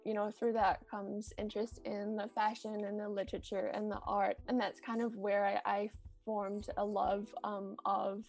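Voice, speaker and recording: A woman's voice: mid-range voice, level tone, normal speed, hardly any pauses, darkish tone, soft background music. A woman in her thirties from New Zealand with a Kiwi accent, a shop owner chatting as an interview guest with lots of ums and little laughs. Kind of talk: casual interview.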